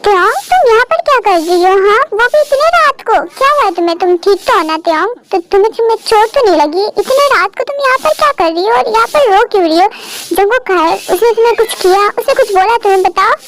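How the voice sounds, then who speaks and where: A woman's voice: extremely high pitch, lively intonation, fast, rough recording. A woman doing a worried young male college friend. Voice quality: anxious, coaxing.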